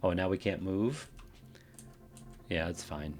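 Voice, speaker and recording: Low-voiced man narrating a game. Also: slow, a little mellow, faint music behind. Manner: casual, thinking aloud while reading game text. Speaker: game streamer. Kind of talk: let's play commentary.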